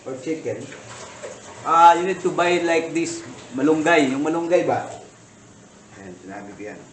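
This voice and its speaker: A Filipino man rambles casually through a cooking story, full of fillers and asides. His voice sits a little high and comes from some distance off the mic. The kitchen is roomy and echoey, with clicks and clatter heard behind him. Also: a little hiss or hum. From Philippines. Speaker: cooking vlogger.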